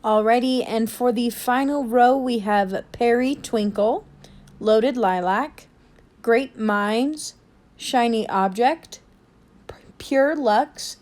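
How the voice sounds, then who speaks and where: A woman's voice: on the high side, slow, a little mellow. A woman with a lisp that makes her s sounds slushy, chatting casually and self-deprecatingly as a beauty vlogger reviewing makeup.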